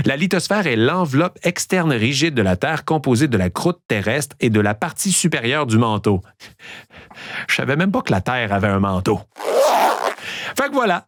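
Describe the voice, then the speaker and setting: A man's voice: mid-range voice, slight background noise. A man with a Québécois accent hosting a playful road-trip quiz, trained in theatre diction, full of joking asides. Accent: Québécois French. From Quebec. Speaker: host.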